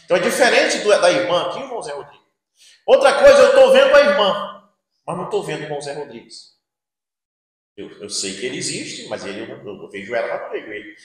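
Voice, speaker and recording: Animated preacher in an echoey church. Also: male voice, fairly high pitch, fast. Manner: dramatic, swings between loud outbursts and hushed asides, acts out quoted voices. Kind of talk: sermon.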